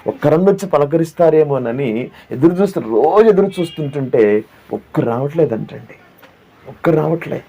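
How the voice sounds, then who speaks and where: A man's voice: on the high side, animated, fairly quick. A man pastor preaching a sermon who asks the listeners questions, repeats his phrases and sings hymn lines. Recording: dull lo-fi audio with faint background.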